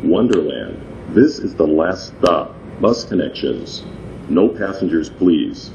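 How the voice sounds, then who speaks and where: A man giving recorded train and station announcements in a measured, formal way. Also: very animated, creaky, dull audio. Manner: measured, formal, evenly spaced phrases. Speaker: transit announcer. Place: on subway trains and platforms. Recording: announcements captured over rumbling train noise.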